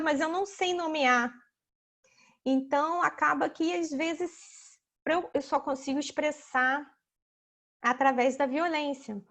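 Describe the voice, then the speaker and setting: High-voiced woman presenting on a video call. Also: fairly bright tone. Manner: explanatory, sprinkles "né?", acts out children and mothers in high voices. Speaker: talk presenter. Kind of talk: casual online talk with slides.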